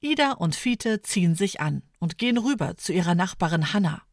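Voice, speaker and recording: A woman narrating a children's story in a clear, storytelling manner. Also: on the low side, lively intonation, brisk, no echo, studio quality.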